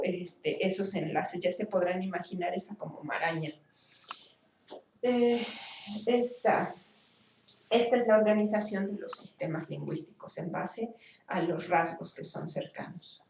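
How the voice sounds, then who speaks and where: A woman's voice: medium pitch, darkish tone, recorded from a distance, slight background noise. Woman lecturing in an echoey room. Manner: explanatory, thinking aloud with fillers and restarts. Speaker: speech therapy lecturer. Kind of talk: recorded class lecture.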